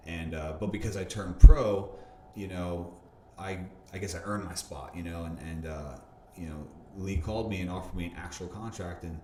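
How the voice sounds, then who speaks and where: A man being interviewed, telling a story casually, animated, laughing often and restarting his sentences. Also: low-pitched, moderate pace, hardly any pauses. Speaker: bodybuilder interviewee. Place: gym or park. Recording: roomy echo, faint background hum.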